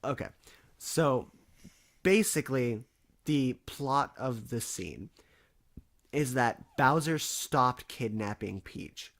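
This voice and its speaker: A man casually telling a story with a co-host, animated and swearing freely. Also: mid-range voice, slow, gravelly, pauses often. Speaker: podcast co-host.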